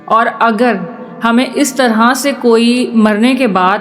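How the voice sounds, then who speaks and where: A woman's voice: a little high, fairly even intonation, soft background music. Woman telling a ghost story. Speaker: horror story narrator. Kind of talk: scripted first-person storytelling.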